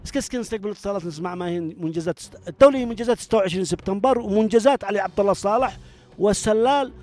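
A man with a Yemeni Arabic accent hosting a live radio call-in show, talking fast and cutting in on callers. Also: high voice, darkish tone. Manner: fast, talks over callers.

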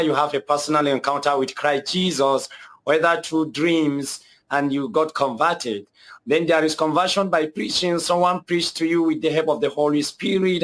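A young man with a Nigerian accent, a guest, gives his conversion testimony earnestly, hesitating and repeating himself often. His voice is a little high and a bit bright.

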